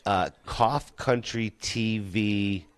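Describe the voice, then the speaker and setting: A man's voice: lowish voice, steady tone, very slow, smooth. A man co-hosting a casual talk show, moving things along in a businesslike way. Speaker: host. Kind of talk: casual chat.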